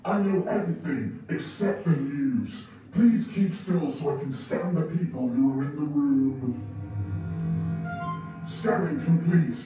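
A man voicing a know-it-all male talking gadget that speaks in stiff, flat announcements, heard from a distance in a roomy space with music behind. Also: fairly high pitch, slow pace. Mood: deadpan.

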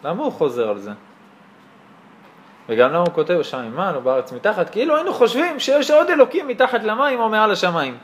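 A man teaching an animated religious lesson to a class, asking rhetorical questions and telling stories. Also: sits high. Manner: lively, asks rhetorical questions, tells stories. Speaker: Torah teacher.

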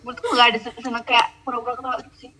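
A teenage girl chatting casually with a friend, slangy and animated with lots of fillers. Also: on the high side, racing, poor audio. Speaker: podcast co-host. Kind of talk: casual gossip chat.

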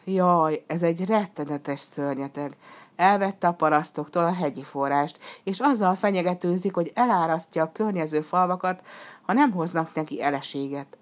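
A woman voicing a gentle, protective young girl in a storybook reading, urgent and pleading. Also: lowish voice, close to an everyday voice. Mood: worried.

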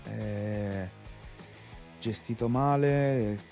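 A man giving opinions as a co-host in a casual chat, hesitant, low-key and resigned. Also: extremely slow, warm tone. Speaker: podcast co-host. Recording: muffled lo-fi audio with music behind.

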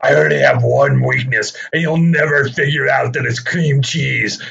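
A man voicing a dim-witted, boastful male devil in a mock-dramatic voice that rises to shouts, on a dull lo-fi recording. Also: medium pitch, lively intonation, normal speed, vocal fry, slightly rough, exaggerated voice. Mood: smug, then outraged.

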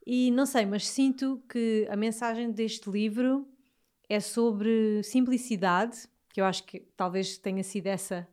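A woman's voice: fairly high pitch, steady tone, measured pace, darkish tone, clean tone. A woman with an Alentejo Portuguese accent hosting a casual conversation, speaking in an informal, affirming way and often repeating her phrases. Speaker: host interviewing a guest. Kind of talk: casual chat.

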